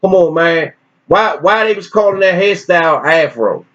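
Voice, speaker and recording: A man teaching informally and reading articles aloud with his own commentary, in an animated, preachy way with repeated phrases. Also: high-pitched, moderate pace. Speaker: religious teacher. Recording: dull lo-fi recording.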